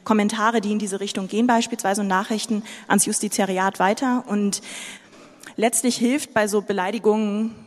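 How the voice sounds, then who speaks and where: A woman from Sudan speaking on a panel in a measured, thoughtful way. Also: medium pitch, steady tone. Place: conference hall with audience. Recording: long hall reverb.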